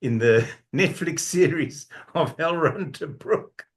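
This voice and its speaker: Male host, slightly higher voice, playful interviewer who ribs his guests. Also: animated, slow pace. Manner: jokey, teasing, laughs often. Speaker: radio show host. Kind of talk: casual interview chat.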